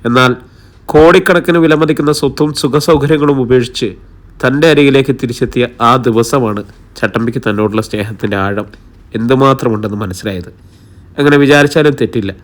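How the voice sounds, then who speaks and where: A man calmly narrating an audiobook as a storyteller. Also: medium pitch, a little fast.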